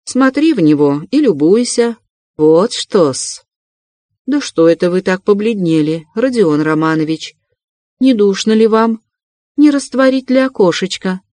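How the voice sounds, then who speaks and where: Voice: medium pitch, lively intonation, measured pace, a little mellow, dry recording, close to an everyday voice. A reader voicing a fussy, ingratiating middle-aged male investigator in an audiobook, wheedling and chuckling. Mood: sly, chuckling. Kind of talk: audiobook character reading.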